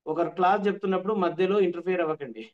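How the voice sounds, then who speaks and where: High-voiced male trainer. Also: racing, lo-fi sound. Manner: repetitive, emphatic teaching. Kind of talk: online workshop lecture.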